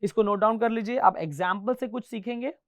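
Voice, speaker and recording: A man's voice: high voice, brisk. A male guitar teacher giving a classroom lesson, counting beats aloud and mixing Hindi with English. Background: faint guitar playing.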